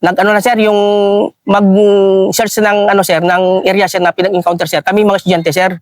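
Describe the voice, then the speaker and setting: A man recounts his combat story, stopping often to add a respectful sir. His voice sits high for a man. The sound is close and dry, with no room echo. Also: flat delivery. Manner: deferential, says sir constantly, halting with fillers. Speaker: retired soldier interviewee. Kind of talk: war story interview.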